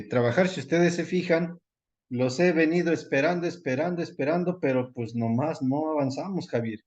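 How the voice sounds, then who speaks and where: A man's voice: fairly high pitch, a little mellow, muffled recording. A man, lecturing a university class over a video call and repeating the key points. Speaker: university professor.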